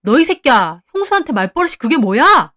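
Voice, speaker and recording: A woman voicing an exasperated young husband in a storybook drama who shouts to stop a family fight. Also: high-pitched, big pitch swings, normal speed. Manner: loud pleading shouts. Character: exasperated young husband trying to calm his wife.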